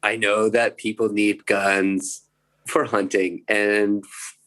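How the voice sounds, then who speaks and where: A man's voice: on the low side, little pitch movement, slow pace, a bit bright, low-quality recording. A man in his thirties from the United States, chatting casually on a podcast, rambling with lots of fillers and swearing. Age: 30s. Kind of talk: casual chat.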